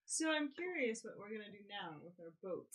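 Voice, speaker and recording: Husky young man playing a tabletop game. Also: sits high, sing-song, brisk, fairly bright tone. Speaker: player. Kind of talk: casual tabletop game chat.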